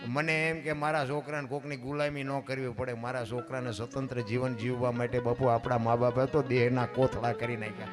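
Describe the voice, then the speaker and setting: A man giving a dayro storytelling sermon, moving between soft musing and loud impassioned declaiming, and putting questions to his audience. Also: medium pitch, level tone, fairly quick, few pauses. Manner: asks the audience questions directly. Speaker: folk storyteller. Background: guitar music.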